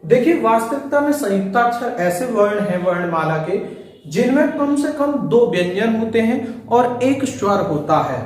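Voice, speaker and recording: A man with a fairly high voice lectures students on Hindi grammar, earnest and repetitive, often calling out to his dear students. His voice rings through a very echoey room and sounds set back from the microphone. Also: expressive, normal speed, a little mellow. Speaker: Hindi teacher. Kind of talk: classroom lecture. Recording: very echoey room, voice far from mic.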